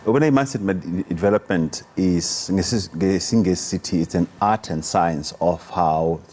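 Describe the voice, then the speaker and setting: A South African man speaking as an interview guest and coach, explaining conversationally in a halting way. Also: sits low, a little mellow. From Free State, South Africa. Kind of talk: conversational explaining, switching languages.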